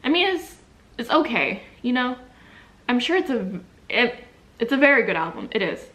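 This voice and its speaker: A young woman talks to her camera at home, chatty and rambling, eating a sandwich now and then. Her voice sits a touch high and sounds bright and crisp. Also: very animated, moderate pace. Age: young adult. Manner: chatty, rambling, many likes and restarts. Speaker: vlogger. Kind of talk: casual chat to camera. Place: at home indoors by a window.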